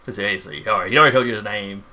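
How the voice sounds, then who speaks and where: A man narrating a tabletop game as game master, informal and halting as he improvises. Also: on the low side, pushed and bright.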